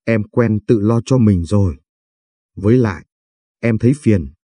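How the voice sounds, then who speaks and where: A man voicing a shy, polite young woman with a limp, speaking softly and timidly in a storybook reading. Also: on the low side, a little slow, husky, no room sound. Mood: hurt, gentle.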